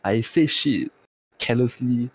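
A man's voice: mid-range voice, a little slow, husky. A man with a tired-sounding voice, chatting casually on a podcast and swearing freely. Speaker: streamer and podcast co-host.

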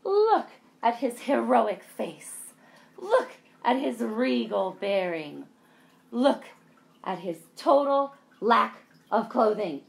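A woman's voice: a little high, sing-song, slow, gravelly, exaggerated voice. A woman voicing a group of naked mole rats who insistently demand that others look at a picture.

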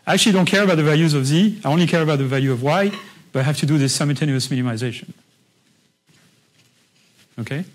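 A man's voice: on the high side, fast, long pauses, low-quality recording. A man lecturing a university class, explaining patiently in a conversational way and often checking in with his listeners. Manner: conversational, with frequent restarts.

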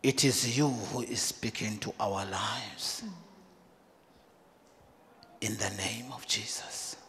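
A middle-aged man preaching and praying in a church, speaking in short repeated phrases with pauses for an interpreter. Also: lowish voice, a bit bright, a little hiss or hum. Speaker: pastor. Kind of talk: sermon with prayer, paused for interpreter. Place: large church hall indoors. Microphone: handheld mic. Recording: reverberant church hall.

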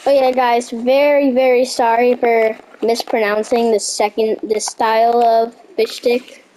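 Young gamer, stuffy and congested, excitable casual commentary, a touch high-pitched. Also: female voice, a little hiss or hum, rough recording. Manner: excitable, reads on-screen text aloud haltingly. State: stuffy nose from a cold. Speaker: gaming youtuber.

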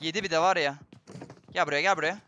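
A young man giving excitable, chatty live commentary on a shooter game to his viewers. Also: on the high side, fast talker, muffled recording, heavy background noise. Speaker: gaming streamer. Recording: game gunfire behind voice.

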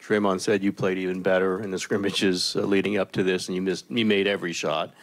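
Lowish-voiced man asking long questions. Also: flat delivery, fairly quick. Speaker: reporter. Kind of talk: press conference questions.

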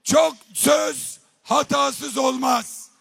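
A politician giving a slow, emphatic, shouted rally speech into a podium microphone in an open public square. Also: male voice, very high voice, fairly even intonation, vocal fry, no echo, clean studio sound. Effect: speaking into a podium microphone at a rally.

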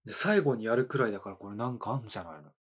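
Here a thirtysomething man runs an anime reaction channel, commenting casually from a small indoor studio with brief reactions and laughter as he thinks aloud. His fairly low voice has a breathy edge. He talks rapid-fire and expressively.

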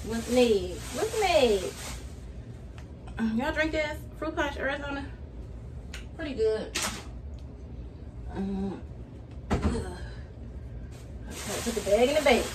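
Hot and sweaty, a young woman unpacks grocery bags in her kitchen for a casual haul vlog, chatting to her viewers as y'all. She's a mother, speaking in a highish, animated voice, slowly and with long pauses; the distant counter camera captures a noisy room.

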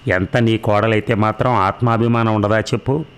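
Storybook role: a blunt village neighbour woman who scolds, read by a man in a low, smooth voice. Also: fairly even intonation, moderate pace, close to an everyday voice. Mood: scolding. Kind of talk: storybook narration.

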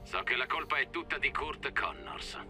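A cold, haughty scientist for a video game cutscene. His voice is very bright and sharp, and his tone stays scornful and superior. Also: mid-range voice, lively intonation, normal speed, faint music behind. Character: proud male scientist, cold and disdainful.

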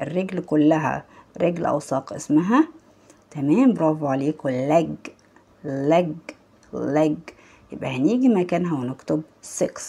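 Husky-voiced Egyptian woman teaching children. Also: low voice, a little mellow. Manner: patient, repeats words slowly, praises pupils. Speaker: English teacher. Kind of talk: online lesson for young children.

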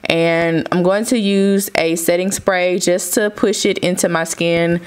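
A young woman casually narrating her makeup routine step by step, chatty and relaxed. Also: on the low side, measured pace, clean tone. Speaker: beauty vlogger. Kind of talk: makeup tutorial voice-over.

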